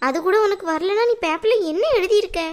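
A bossy teasing big sister. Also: female voice, extremely high pitch, fast talker. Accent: Tamil. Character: teasing bossy older sister, young girl. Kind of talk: cartoon voice acting.

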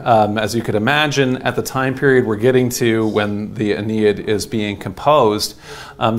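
A man giving a casual history lecture, rambling with many fillers and restarts. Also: medium pitch.

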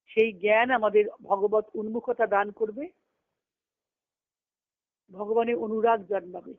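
Her tone is steady and unhurried, her pitch medium, and the recording dry. She speaks as a spiritual teacher on a conference call line, explaining a devotional scripture phrase by phrase with repetition, in muffled lo-fi phone audio.

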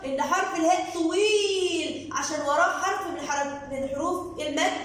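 A woman with an Egyptian Arabic accent and a very high voice teaches young children. She stretches words out in sing-song syllables and speaks to her pupils directly, encouraging them. She is recorded from a distance in a room with heavy echo. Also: fairly bright tone. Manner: slow drawn-out word readings, sing-song syllables. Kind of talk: children's lesson, explaining workbook exercises.

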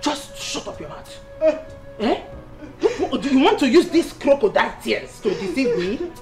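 A woman's voice: fairly high pitch, big pitch swings, measured pace, faint music behind. A woman with a Nigerian accent playing a middle-aged mother-in-law who scolds hard with jabbing "Eh?"s yet is torn, in a film. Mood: scolding. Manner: scolding, repeats "Eh?" as a jab. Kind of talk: Nollywood film acting.

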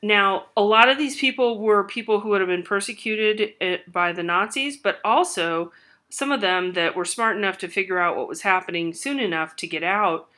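A woman's voice: mid-range voice, normal speed, pushed and bright. A woman giving a recorded art history lecture with hiccups, talking loosely with many fillers and restarts.

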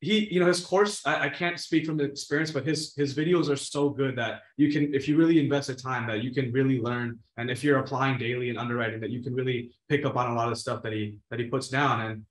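A man's voice: medium pitch, steady tone, quick pace, few pauses. A twenty-one-year-old man speaking as a guest on a video call interview, talking casually with many restarts and "you know"s. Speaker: guest, real estate investor. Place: home room, plain wall. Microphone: video call webcam. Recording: roomy echo.

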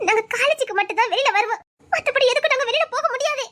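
A woman's voice: very high-pitched, quick pace, pushed and bright. A woman voicing an anxious young college woman trapped by her strict family in an audio drama. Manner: anxious, torn, pleading. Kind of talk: Tamil audio drama acting.

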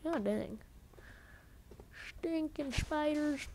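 Woman, gaming host, high-ish voice, rambling silly commentary packed with "like", bursts of excitement. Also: drawn-out words, slight background noise. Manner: goofy, rambling, full of "like" fillers; jokey self-mockery, sudden excited outbursts. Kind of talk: casual gameplay commentary.

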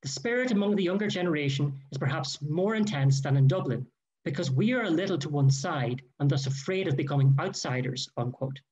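A man giving a formal, measured history lecture read from a prepared text. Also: fairly high pitch, lively intonation, a little mellow. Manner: measured, careful delivery with quoted sources. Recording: dull lo-fi recording.

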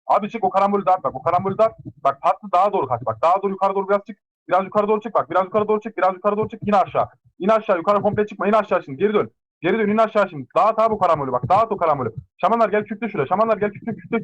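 A man's voice: sits high, racing, lo-fi sound. A man in an online game battle giving urgent, insistent instructions to a teammate over voice chat, repeating each one several times.

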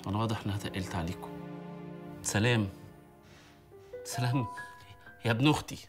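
A man's voice: lowish voice, fast talker, close to an everyday voice. An actor playing a hapless young man with an Egyptian accent, pleading in a comedy film. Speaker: film character. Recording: film scene with music behind.

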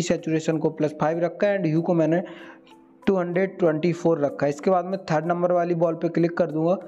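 A man, giving a steady step-by-step software tutorial as a video host. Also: fairly high pitch, muffled recording. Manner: steady instructional, mixing English words into Hindi.

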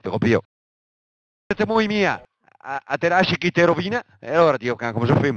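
Man acting a cursing Venetian militant, higher-pitched voice. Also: very animated, brisk, fairly bright tone, dry recording, lo-fi sound. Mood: bitter. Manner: ranting, peppered with explosive cursing. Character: angry, foul-mouthed militant in army jacket ranting.

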